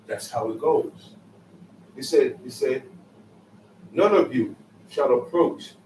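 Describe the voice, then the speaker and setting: A man's voice: medium pitch, expressive, slow pace, darkish tone, slight background noise. A man giving a Sabbath scripture lesson, emphatic and repetitive, in casual street phrasing. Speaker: Bible teacher. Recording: echoey room, mic far off, faint ambience.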